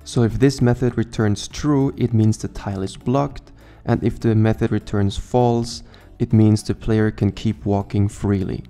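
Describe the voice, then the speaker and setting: A man walks viewers through a coding tutorial at an even, methodical pace. His voice sits low and mellow. Faint music plays quietly behind the narration. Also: unhurried. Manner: calm, methodical step-by-step explaining. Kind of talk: scripted screencast narration.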